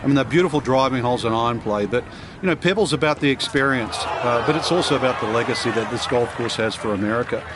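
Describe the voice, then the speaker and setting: A man's voice: mid-range voice, fast talker, background noise, close to an everyday voice. A man giving golf commentary as the analyst, explaining things in a reflective, conversational way.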